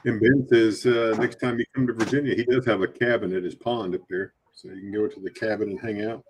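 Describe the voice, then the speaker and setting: Man, coin stream co-host, lowish voice, teasing banter. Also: fairly even intonation, a little hiss or hum. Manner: teasing, quick banter between coin descriptions. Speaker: livestream coin seller. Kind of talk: casual livestream chat.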